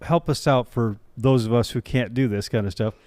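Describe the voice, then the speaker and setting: A man hosts a relaxed interview, keeping things moving with quick affirmations. His voice sits at a middle pitch, and the sound is close and dry. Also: no echo. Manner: encouraging, short affirmations. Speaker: host. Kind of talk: casual interview.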